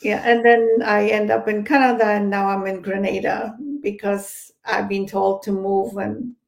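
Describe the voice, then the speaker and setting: In a low-quality recording, a Polish woman with a Polish accent, a psychic medium guest, chats casually in an interview. She speaks unhurriedly in a medium-pitched, level, creaky voice, hesitating often with fillers and restarts.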